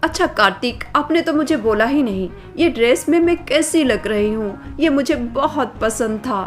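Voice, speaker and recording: A woman's voice: high-pitched, expressive. A woman voicing a spoiled, snobbish rich young city woman who talks in a boastful, dismissive way, over faint music. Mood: snooty. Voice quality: boastful, dismissive, drawn-out complaining.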